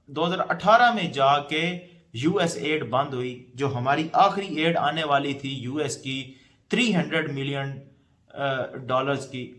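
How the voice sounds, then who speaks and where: A man's voice: a little high, a bit bright. A man giving casual political commentary to camera, speaking in loose run-on sentences with frequent hesitations.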